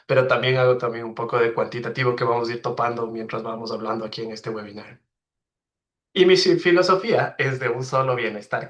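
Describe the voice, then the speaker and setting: A man's voice: mid-range voice, a bit bright. A man in his thirties with an Ecuadorian accent, giving a friendly, explanatory online presentation as a veterinarian, often checking in with tag questions. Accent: Ecuadorian Spanish. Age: 30s. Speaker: webinar speaker, veterinarian. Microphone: video call.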